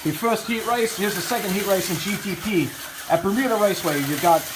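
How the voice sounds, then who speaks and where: A man's voice: high voice, fairly quick. Chatty male race commentator at a noisy event. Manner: chatty, filler-heavy, upbeat. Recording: noisy event with frying food behind.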